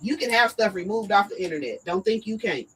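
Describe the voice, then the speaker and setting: Hoarse woman hosting a live talk show. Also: medium pitch, expressive, a little fast, a bit bright, poor audio. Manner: direct, emphatic, addresses viewers as y'all. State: losing her voice. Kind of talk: casual live-stream talk.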